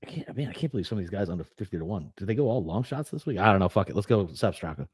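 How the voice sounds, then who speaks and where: Laid-back low-voiced man, swears casually. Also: lively intonation, rapid-fire, breathy edge. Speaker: podcast co-host. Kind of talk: casual podcast chat.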